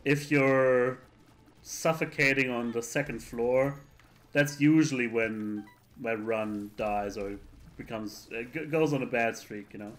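A man's voice: mid-range voice, slow. A man giving laid-back, meandering live commentary on a video game he is playing. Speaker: let's player.

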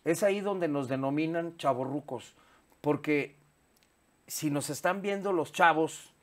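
A man's voice: on the high side, a little slow. Candid Mexican man in his fifties. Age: 50s. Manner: candid, animated, swears freely, gestures a lot. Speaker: guest. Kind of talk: casual interview chat. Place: studio set with sofa. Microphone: lapel mic.

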